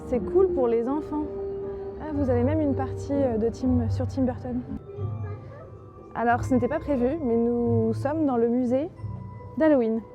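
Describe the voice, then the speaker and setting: A woman's voice: fairly high pitch, unhurried, long pauses, dull audio, over music. A woman narrating a casual travel vlog in a chatty, enthusiastic way, with many fillers. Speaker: travel vlogger.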